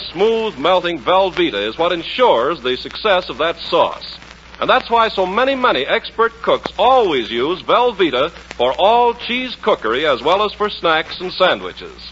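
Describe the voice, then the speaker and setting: On a noisy, muffled 1940s radio recording, a male announcer and comic performer delivers announcements and trades patter in a folksy, emphatic style of the era. His voice is high-pitched and a bit bright.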